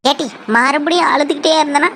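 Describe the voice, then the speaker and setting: A woman voicing a bold, bossy village woman in a cartoon, scolding and excitable. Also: sits high, brisk, heavy background noise. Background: music.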